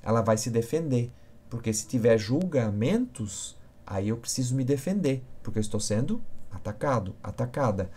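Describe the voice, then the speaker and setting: A man's voice: medium pitch, expressive, moderate pace, mellow, slightly rough. Guy teaching live on stream, answers chat questions, keeps asking "ok?" as he goes. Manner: answers viewers by name, checks in with "ok?" and "certo?". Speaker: communication instructor.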